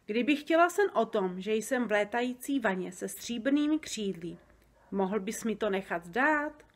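A woman's voice: on the high side, animated. A woman reading aloud and voicing a bold, eager little girl who presses with questions. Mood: curious.

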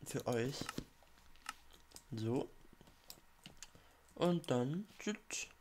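A man with a cold talks slowly and loosely through a game session. He chats with viewers and mutters little reactions to himself as he plays, with faint background noise under his voice. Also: medium pitch, sing-song, darkish tone. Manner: chatty, mutters reactions to himself while playing. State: has a cold. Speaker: let's play gamer. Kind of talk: casual game commentary.

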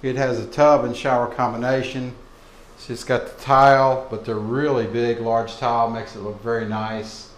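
A man's voice: medium pitch, flat delivery, moderate pace. A man narrating a casual walkthrough tour of an empty apartment as a leasing agent, matter-of-fact with frequent fillers, recorded on the camera while walking room to room. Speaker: real estate leasing agent.

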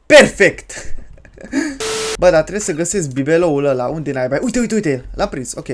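A gaming creator, giving crude, joking let's-play commentary on a horror game, with sudden loud yells. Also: mid-range voice, expressive, a little hiss or hum. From Romania.

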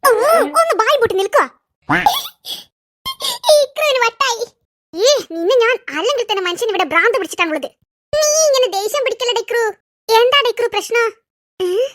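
A performer voicing squabbling cartoon kids and their mother, bickering in a squeaky, sped-up comic style. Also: animated, moderate pace, a bit bright. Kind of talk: cartoon character voices.

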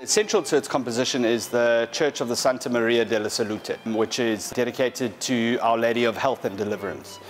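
With soft music in the background, a man in his thirties walks listeners through paintings in a big gallery hall. This art specialist has a mid-range voice and a measured, explanatory delivery peppered with fillers and restarts.

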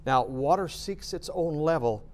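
A man's voice: fairly high pitch, expressive, a little slow, a little mellow, a little hiss or hum. A middle-aged man, a guest expert on a TV studio show, explaining plainly with occasional filler words. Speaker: basement waterproofing expert guest. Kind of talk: explaining on a TV interview. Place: TV studio set.

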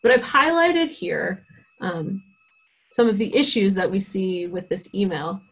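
Female instructor, slightly raspy tone, teaching a career workshop with many fillers. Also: medium pitch, big pitch swings, measured pace. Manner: frequent "um" fillers, reads example emails aloud. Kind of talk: online workshop lesson.

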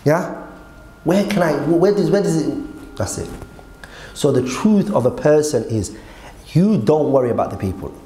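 A man's voice: fairly high pitch, lively intonation, moderate pace, pauses often, warm tone. Man lecturing, echoey room. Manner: emphatic, conversational, with rhetorical questions and check-ins to listeners. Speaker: Islamic teacher. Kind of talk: religious lecture explaining a text to a class. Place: seated at a desk in a hall indoors. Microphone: gooseneck desk microphone. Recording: echoey room with faint background noise.

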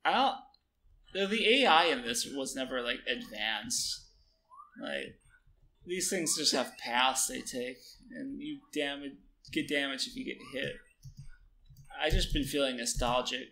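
A young man giving relaxed, halting commentary while he plays a game, with plenty of fillers. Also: medium pitch. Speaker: gamer. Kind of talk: casual let's-play commentary.

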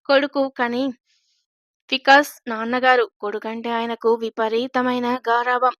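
Brief: female storyteller, fairly high voice, dramatic narration, dry close sound. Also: fairly bright tone, dry recording, lo-fi sound.

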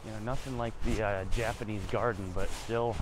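A man with a Midwestern American accent narrating a walking tour of a snowy outdoor park in a casual, relaxed way, thinking aloud as he walks, recorded on a body-worn camera. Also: on the low side, noisy background. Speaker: vlogger giving a walking tour.

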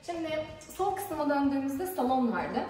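A woman's voice: high-pitched, very animated, normal speed, mellow, faint music behind. A woman in her twenties chatting casually to viewers as she gives a home tour. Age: 20s. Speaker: vlogger giving an empty home tour. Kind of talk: casual vlog chat to viewers. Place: empty apartment rooms, indoors. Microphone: camera or phone a few steps away. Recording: very echoey empty rooms, far from mic.

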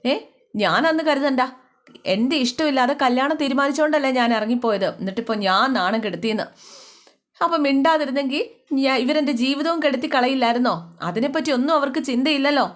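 A woman's voice: sits high, brisk, pitched above the performer's own voice, natural voice. A woman voicing a hurt young bride. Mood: pleading. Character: hurt young bride defending her marriage.

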